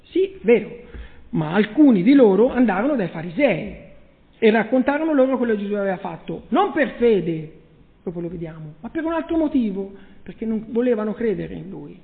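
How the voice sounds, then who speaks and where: A man's voice: sits high, very animated, fairly quick, creaky. A man preaching a sermon, reading scripture and asking his listeners rhetorical questions. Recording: echoey hall, phone-like tinny sound.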